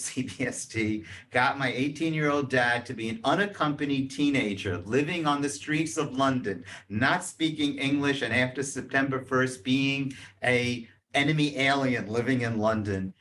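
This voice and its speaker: A man's voice: medium pitch, fairly bright tone. An older man giving a talk and telling his family's history in a conversational, storytelling way with frequent asides. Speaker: guest speaker.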